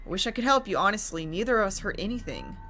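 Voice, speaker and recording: A woman's voice: medium pitch, big pitch swings, quick pace, pushed and bright, pitched above the performer's own voice. A woman voicing a nervous, evasive roommate in a horror story, casual and placating, with music behind. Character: nervous, evasive young roommate hiding a secret. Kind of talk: horror story character dialogue.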